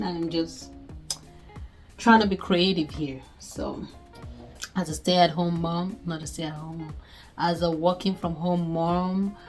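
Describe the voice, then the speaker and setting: With a fairly low, somewhat dark voice, a Nigerian-accented woman in her thirties hosts a relaxed sewing tutorial. She talks through each step of the project in a chatty way, musing aloud as she goes.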